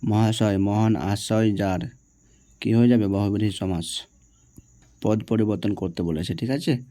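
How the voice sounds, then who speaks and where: A man's voice: fairly low pitch, steady tone, a little slow, mellow, no room sound, studio quality. A man teaching, working through exam answers one by one and often checking with his students. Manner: reads each question, answers it, checks with "ঠিক আছে?".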